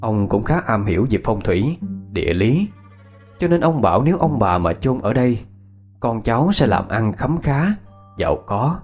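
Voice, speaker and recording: A man's voice: medium pitch, big pitch swings, normal speed, a little mellow, faint music behind. A man narrating a ghost story in a reminiscing storyteller's cadence.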